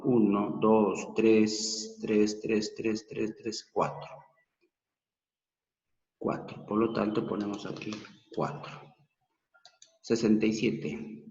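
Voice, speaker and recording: Peruvian guy teaching math, slow and patient, kinda low voice, dull echoey recording. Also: a little mellow. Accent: Peruvian Spanish. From Peru. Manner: slow, patient, counts aloud step by step. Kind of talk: math lesson.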